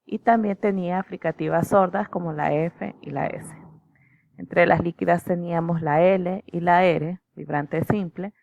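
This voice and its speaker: Woman lecturer, low gravelly voice, dry dull lo-fi recording. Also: steady tone, a little mellow, no room sound. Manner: measured, explanatory, with fillers and "¿verdad?" checks. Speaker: teacher.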